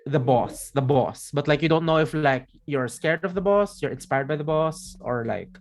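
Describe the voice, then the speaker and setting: A man narrating a tabletop game as game master in a casual, halting, informal way. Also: on the high side. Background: faint music.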